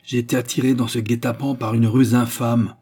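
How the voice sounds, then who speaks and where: A man's voice: medium pitch, flat delivery, a little fast, mellow, husky, natural voice. A man reading an audiobook voices a proud, defiant young grand-duchess who talks in haughty, indignant outbursts.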